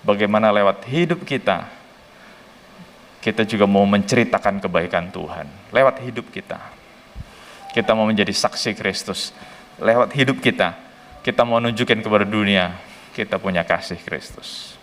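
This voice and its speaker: A male pastor preaching a sermon in a casual, colloquial way. He tells stories animatedly and acts out dialogue with sudden jumps in pitch. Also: moderate pace, pauses often, fairly bright tone, a little hiss or hum. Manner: casual colloquial Jakarta-style speech.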